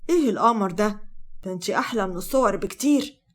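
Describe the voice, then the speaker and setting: A woman voices a sly, flattering man with an Egyptian accent in a narrated story. He charms in a smooth, quick patter. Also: medium pitch, lightly acted. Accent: Egyptian Arabic.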